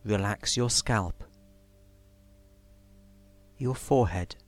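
Over background music, a man with a fairly low voice leads a guided relaxation, soothing and measured, leaving long pauses between instructions.

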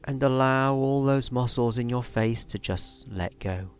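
A man leading a guided relaxation in a soothing, measured way, leaving long pauses between instructions. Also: mid-range voice, clear, resonant tone. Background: music.

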